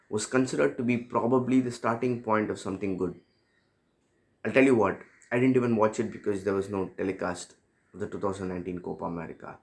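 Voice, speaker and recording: A man from India with a low, gravelly voice tells a personal story in a relaxed, spoken way. He talks reflectively, pausing on fillers and correcting himself as he goes. His deep tone has a rough, creaky edge. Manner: reflective, rambling, with frequent fillers and self-corrections. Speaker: football fan telling a personal story.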